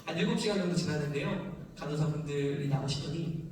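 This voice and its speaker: A man with a high voice gives an emotional sermon testimony, acting out voices and sounds as he tells the story. His voice rings around a very echoey church hall, heard from a distance with faint noise behind. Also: fairly quick, a little mellow. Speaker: preacher giving testimony. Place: church sanctuary.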